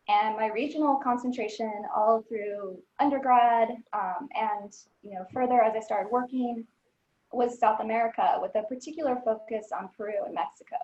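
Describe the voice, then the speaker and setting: A woman's voice: a little high, darkish tone. A woman from Southern California, telling her career story as the guest of an alumni interview. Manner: earnest storytelling. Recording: echoey lo-fi room.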